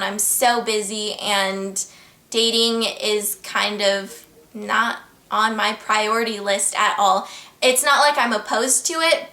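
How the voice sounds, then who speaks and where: Indoors at home, a young vlogger from the United States speaks to her camera with an American accent, cheerfully and sincerely fielding questions from viewers. The echoing room surrounds a bright, crisp voice pitched a bit high.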